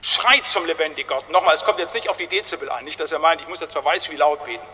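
A man preaching a sermon with great emphasis, moving between loud cries and hushed words and tagging phrases with "halt, nicht?". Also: fairly high pitch, fast, in a large hall.

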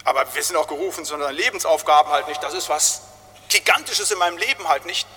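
A man's voice: on the high side, fast, sharp tone. A pastor preaching a sermon to his congregation, often tagging lines with a questioning aside and building to emphatic calls. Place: large church. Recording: long church reverb.

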